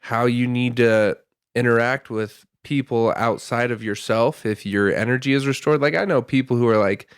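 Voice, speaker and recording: A man co-hosting a podcast in casual chat, agreeable and relaxed, often trailing off softly at the ends of his thoughts. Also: medium pitch, moderate pace, clear, resonant tone, no echo, studio quality. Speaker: podcast co-host. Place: podcast studio.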